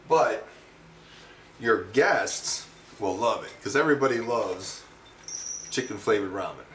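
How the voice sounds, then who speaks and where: A man's voice: lowish voice, a bit bright, a little hiss or hum. A middle-aged man hosting a home cooking demonstration, talking casually with wry, self-mocking, rambling asides. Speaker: home cooking show host. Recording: roomy echo, distant mic.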